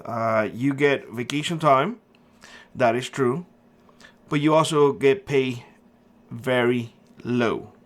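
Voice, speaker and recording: A middle-aged man from Cuba with a mid-range voice hosts a prepper channel. Talking to camera, he shares his opinions casually but earnestly and emphatically, using frequent fillers.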